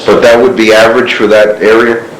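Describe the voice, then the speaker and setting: A man's voice: lowish voice, little pitch movement, a little fast. A man conducting an interview on an old cassette tape, asking probing follow-up questions. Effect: old cassette tape recording. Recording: hissy echoey cassette tape.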